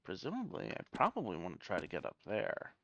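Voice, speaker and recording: A man's voice: sits low, wildly swooping pitch, fairly quick, gravelly, fairly bright tone, highs cut off. A man giving casual gameplay commentary, thinking aloud in a hesitant way. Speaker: gamer.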